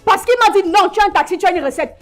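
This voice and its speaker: A woman's voice: extremely high pitch, fast talker, faint music behind. A woman with a Cameroonian French accent playing an exasperated taxi owner who scolds and demands her money. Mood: complaining. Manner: nagging, insistent, scolding. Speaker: comedy sketch actress. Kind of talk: sketch comedy acting.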